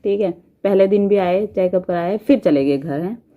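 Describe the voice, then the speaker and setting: Woman vlogger from India, 30s, mellow tone, rambling and chatty, laughs a lot. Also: medium pitch, normal speed. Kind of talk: casual storytelling.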